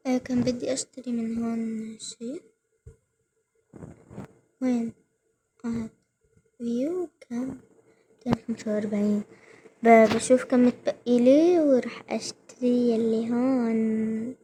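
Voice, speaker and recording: High-voiced excitable young woman gamer. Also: measured pace, pauses often, a little hiss or hum. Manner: squeals and repeats words when excited. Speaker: gaming vlogger. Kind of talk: excited gameplay commentary.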